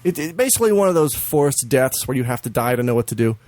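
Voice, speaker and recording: Animated man with a lively voice. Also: quick pace, no room sound. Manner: animated, mimics games in high silly voices; swears casually, laughs often. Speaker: podcast co-host. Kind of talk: casual chat.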